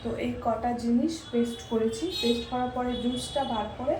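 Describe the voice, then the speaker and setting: A young woman talks through her daily routine in a relaxed, step-by-step vlog manner. Her voice sits a little high. The sound is roomy, with household noise behind her. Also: normal speed. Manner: chatty, explains each step as she goes. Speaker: vlogger. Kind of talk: casual vlog narration. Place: at home, kitchen and bedroom.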